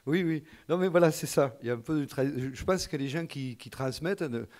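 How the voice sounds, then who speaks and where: A man's voice: a little high, darkish tone. A man who is the guest in a live stage conversation, answering in a hesitant way with many false starts. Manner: hesitant, halting, lots of fillers and false starts. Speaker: guest musician. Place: auditorium.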